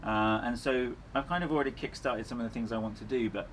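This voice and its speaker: A man's voice: mid-range voice, fast. A man chatting casually as an interview guest, speaking in an earnest, reflective way. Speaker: endurance runner, interview guest. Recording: clearly noisy ambient background.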